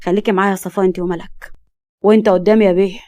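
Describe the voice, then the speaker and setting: A woman voicing a stern, angry middle-aged father who scolds forcefully, with an Egyptian accent. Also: mid-range voice, fairly even intonation, racing, close to an everyday voice. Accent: Egyptian Arabic.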